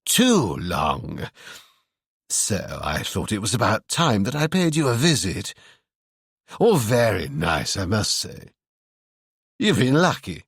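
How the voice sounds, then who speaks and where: An oily, unstable man who mocks with sly condescension, as a male audiobook reader puts him on. His voice sits low and rolls through a lively, swooping melody. The read is dry and close. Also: slow, long pauses, slightly rough, dry recording, exaggerated voice. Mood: condescending. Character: oily, mocking, unstable middle-aged man.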